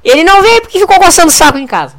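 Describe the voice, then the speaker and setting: A woman's voice: extremely high pitch, very animated, rapid-fire, fairly bright tone. A woman hosting an amateur comedy radio show, rambling and jokey as she announces. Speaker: host.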